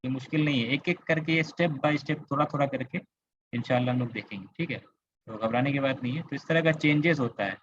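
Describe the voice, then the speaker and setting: A man's voice: medium pitch, a little fast, lo-fi sound, noisy background. A man with a Kolkata Indian accent teaching Arabic grammar in an online class, explaining patiently, repeating words and asking students questions. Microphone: computer mic on a video call.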